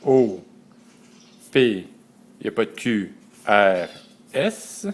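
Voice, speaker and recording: A man walks through a lesson letter by letter. His voice sits low, and he speaks very slowly and deliberately, pausing to spell out each step. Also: expressive. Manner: slow and methodical, spelling out letters one by one. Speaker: teacher.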